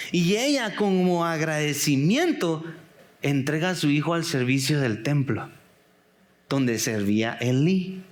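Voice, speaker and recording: A man preaching a conversational sermon, calling the listeners brothers and sisters, asking them many questions and dropping in English slang. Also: a little high. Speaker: pastor.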